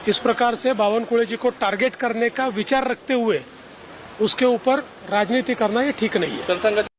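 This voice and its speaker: A man's voice: very high-pitched, very fast. A man giving a spoken political statement, recorded outdoors near traffic. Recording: outdoor recording with faint street noise.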